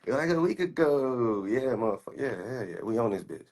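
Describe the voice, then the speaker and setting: A man's voice: medium pitch, animated, moderate pace, a little mellow. A man in his twenties from the United States, a stock trader giving a boastful, profane, confrontational rant while showing his screen. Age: 20s.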